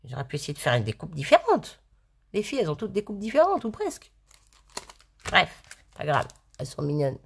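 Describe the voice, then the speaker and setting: A woman's voice: lowish voice, wildly swooping pitch, fairly quick, vocal fry, pauses often, slight background noise. A woman from France chatting casually to camera as a craft vlogger, rambling and gushing, often cutting herself off and giggling. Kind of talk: casual chat.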